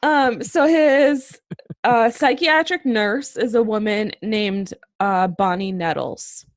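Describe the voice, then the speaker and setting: A woman's voice: fairly high pitch, slow, dry recording, studio quality. A young woman co-hosting a podcast, telling a story casually with many ums and restarts. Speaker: podcast co-host.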